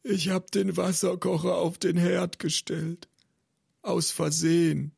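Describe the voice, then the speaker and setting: Nervous old grandpa, high, gravelly and husky. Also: male voice, fairly even intonation, moderate pace, a little mellow, no echo, studio quality, exaggerated voice. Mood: sheepish. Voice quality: high creaky voice. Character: fretful clumsy old grandpa.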